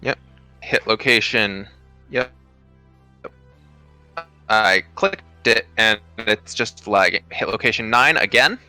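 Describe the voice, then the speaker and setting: A man's voice: fairly low pitch, takes it slowly, long pauses, pushed and bright, dry recording, faint music behind. A man on an online voice call whose audio keeps glitching and breaking up over a bad internet connection, calling out hit locations for a tabletop game. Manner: brief, matter-of-fact callouts. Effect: choppy glitching audio from a bad internet connection. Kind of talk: terse game-table calls.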